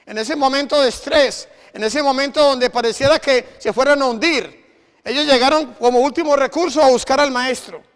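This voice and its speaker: A male preacher with a Latin American Spanish accent, giving a sermon and quizzing the congregation with questions, often halting and repeating words. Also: very high voice, smooth. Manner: call-and-response questions to the congregation. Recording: hall reverb.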